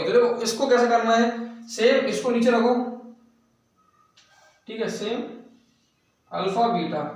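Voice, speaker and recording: A man explains maths problems step by step, repeating each term and asking if it is clear. His voice sits high and sounds echoey, picked up from a distance in the room. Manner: repetitive, drills questions with "clear?" checks. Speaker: maths teacher. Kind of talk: classroom lesson explanation.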